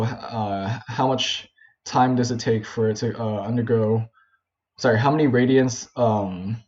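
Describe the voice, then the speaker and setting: A young man explains a physics problem at a whiteboard in loose, casual speech, full of fillers and quick corrections. His voice is mellow and a little dark. The recording is dull and lo-fi, like a simple home setup. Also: mid-range voice. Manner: informal, many fillers and self-corrections. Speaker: physics tutor.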